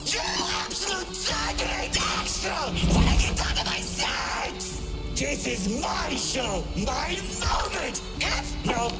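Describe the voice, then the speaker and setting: A woman's voice: sits high, sing-song, a little slow. A woman voicing a vain, tyrannical theatrical showman narrator in a game cutscene, grandiose and melodramatic. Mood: furious, imperious. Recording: loud music behind the voice.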